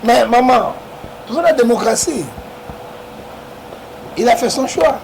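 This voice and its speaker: A man from the Congo speaks with a Congolese French accent, his voice pitched high and rough with gravel. He argues hard, pushing his points and tagging them with quick questions to the listener. A steady noise runs under the recording. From Democratic Republic of the Congo. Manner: emphatic, keeps asking "hein?" to prod the listener. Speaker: interview guest. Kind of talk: animated political talk. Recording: noisy background.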